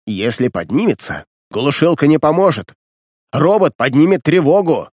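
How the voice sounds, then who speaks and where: A man's voice: a little high, sing-song, moderate pace, a little mellow, dry recording, clean studio sound. A man voicing an exasperated male doctor who runs a clinic, speaking in a raised voice.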